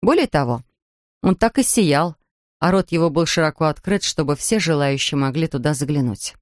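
A woman reading a children's story aloud in a lively, expressive way. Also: low voice, normal speed, dry recording, studio quality. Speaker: narrator.

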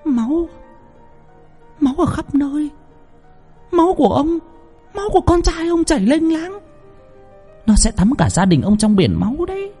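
A man voicing a female spirit medium in a trance, who prophesies doom in a shrill, harsh voice for a horror story. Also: very animated, normal speed, pauses often, soft background music. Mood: menacing. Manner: prophesying doom in shouts and cackles.

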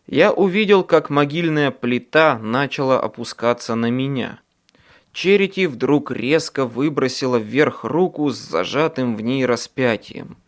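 A man narrating an audiobook in first person with a dramatic, expressive delivery. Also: medium pitch, measured pace.

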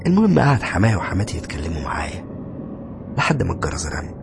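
A man with an Egyptian accent tells a first-person horror story quickly and conversationally. His low voice has a gravelly grain, with music playing behind. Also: huge pitch swings. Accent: Egyptian Arabic.

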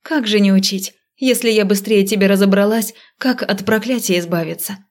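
A woman reading an audiobook, voicing a feisty young heroine whose retorts come out bright and teasing. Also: medium pitch, moderate pace, lightly acted.

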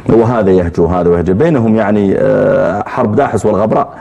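Male lecturer, low mellow voice, casual classroom manner with light humor. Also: fast talker, vocal fry. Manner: relaxed and joking, quizzes his students. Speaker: religious teacher. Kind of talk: classroom lecture with poetry recitation. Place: classroom with students.

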